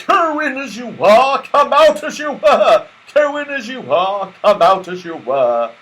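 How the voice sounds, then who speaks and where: Man acting jolly old Santa Claus, high-pitched, very animated, eager, exclamatory, children's storybook. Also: a little slow, full character voice. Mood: chanting.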